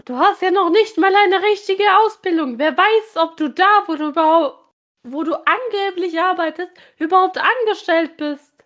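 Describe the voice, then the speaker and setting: A nosy, spiteful aunt who prods and provokes her nephew, as a woman reads her. The voice is very high and sharp-edged in its jabs. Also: normal speed. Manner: prying, provocative.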